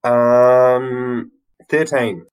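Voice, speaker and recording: A man's voice: medium pitch, steady tone, extremely slow, smooth. A man casually playing a tabletop game, hesitant and full of fillers. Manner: hesitant, full of ums and likes. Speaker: player.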